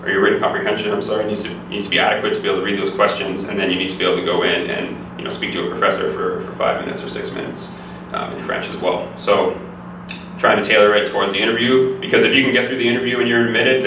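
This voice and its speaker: A young Canadian man, a native English speaker, answers interview questions casually as a physiotherapy student guest. His voice is low and flat, and he speaks quickly and steadily with an easygoing student air. The recording is very echoey, captured from a distance, with clear background noise.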